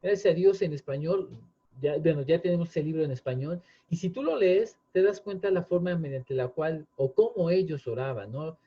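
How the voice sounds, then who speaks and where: A man's voice: fairly high pitch, expressive, moderate pace, breathy edge. A man, earnestly explaining in casual chat, often restarting with fillers. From Mexico. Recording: dull lo-fi sound.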